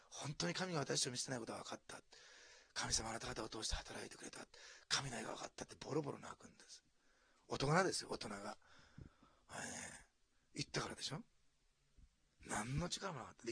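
A male pastor from preaching a sermon, dropping to hushed asides and then rising to loud, animated exclamations. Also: medium pitch, creaky, slightly rough, no echo. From Japan, Osaka.

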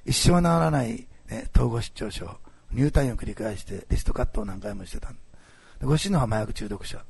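A man preaching a sermon as pastor, telling a story with animated swings between loud bursts and hushed asides. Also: medium pitch, brisk, no room sound. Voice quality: gravelly, husky.

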